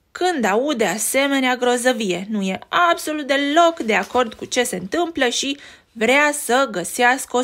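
A woman reading a picture book aloud to a child, lively and pointing out the pictures as she goes. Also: on the high side. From Romania.

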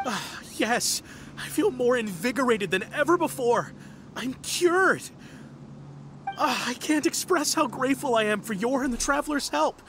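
Timid young townsman, swooping pitch. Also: animated, a little slow, a bit bright, slight background noise, exaggerated voice. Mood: anxious, grateful. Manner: hesitant, earnest, polite. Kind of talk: animated game character acting. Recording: clear music behind the voice.

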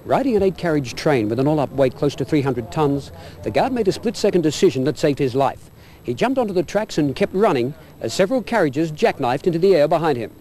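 A man reporting a news story in a measured, formal, scripted delivery. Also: a little high, animated, darkish tone.

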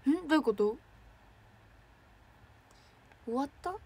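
A young woman, an idol trainee, chatting casually on a livestream and reacting excitedly to fan messages. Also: sits high, a little slow. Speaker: idol trainee streaming to fans.

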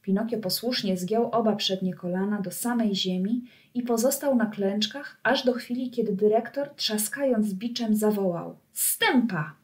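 Woman narrator, children's audiobook reader, calm even storytelling. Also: medium pitch, moderate pace, few pauses. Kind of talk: reading a children's book aloud.

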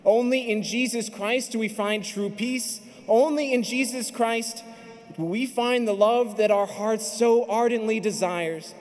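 A man's voice: high-pitched, measured pace, darkish tone. A man in his thirties, a priest delivering a fervent sermon at a pulpit mic in a large arena. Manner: fervent, building to emphatic peaks. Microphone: stand mic at pulpit. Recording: long arena reverb.

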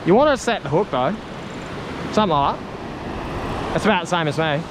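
A young Australian man chats excitedly while fishing from the shore, with a fairly high voice. He records on a head-mounted camera, so surf and wind are clearly heard behind him. He exclaims and laughs as he fishes. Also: normal speed. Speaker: fishing channel host. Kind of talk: casual fishing vlog chat. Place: outdoors on a surf beach at sunset. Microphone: head-mounted action camera. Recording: loud surf and wind noise outdoors.

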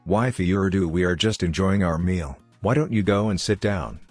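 A man voicing a calm, amused young wife at dinner. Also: sits low, normal speed, no echo, soft background music.

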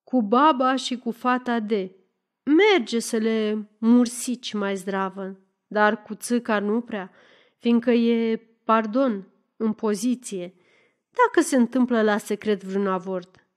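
A woman's voice: fairly high pitch, close to an everyday voice. A woman doing a pompous police chief. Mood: confiding. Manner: pompous, confiding. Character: grave, self-important male police chief.

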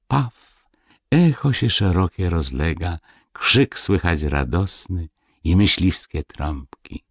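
Male audiobook narrator, fairy tale, deep, slow, lively melody, husky, dry close studio sound. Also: dry recording. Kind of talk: expressive storybook narration.

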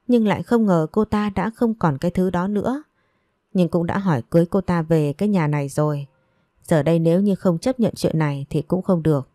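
A woman reading a romance story aloud as narrator, in a calm, measured way. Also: lowish voice, no echo, studio quality.

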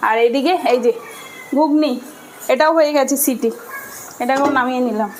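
Woman, high voice, chatty cooking vlog, home kitchen. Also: normal speed, a little mellow, a little hiss or hum, rough recording. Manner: chatty, talks to viewers while cooking. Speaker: cooking vlogger. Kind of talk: casual cooking narration. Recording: kitchen clatter behind voice.

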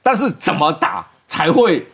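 A man's voice: on the high side, wildly swooping pitch, a little slow, a bit bright, breathy edge. A man with a Taiwanese Mandarin accent giving political commentary on a studio panel, reasoning aloud in an argumentative way and repeating phrases.

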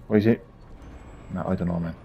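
A man's voice: sits low, steady tone, a little fast, breathy edge, highs cut off. A man giving gameplay commentary, frustrated, swearing and muttering to himself as he plays. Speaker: gamer.

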